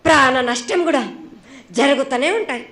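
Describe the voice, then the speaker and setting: A woman's voice: high voice, normal speed, a bit bright, echoey room. A woman with a Telangana accent speaking as an oracle in a prophetic trance voice, sternly admonishing in short, repeated phrases. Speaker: oracle delivering annual festival prophecy.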